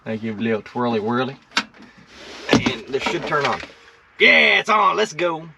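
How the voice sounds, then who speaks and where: Working on an old truck he's restoring, a teenage guy vlogs casually, making fun of himself and imitating noises for his viewers. He speaks at a moderate pace in a mid-range voice that swings widely in pitch. The audio is clearly noisy, with clicks in the background.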